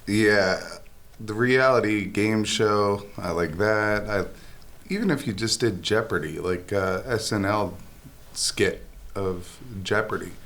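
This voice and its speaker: A man's voice: fairly low pitch, slow, fairly bright tone. A man co-hosting an education podcast in casual chat, enthusiastic and joking. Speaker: podcast co-host.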